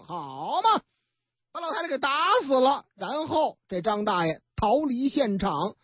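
A woman's voice: medium pitch, slightly rough, no echo, lo-fi sound. A woman retelling news stories in a chatty, colloquial broadcast storytelling style.

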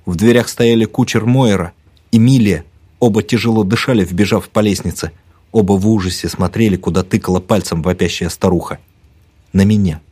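A man narrating a first-person mystery story in a tense, measured way. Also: fairly low pitch, mellow, husky, no echo. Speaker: audiobook narrator.

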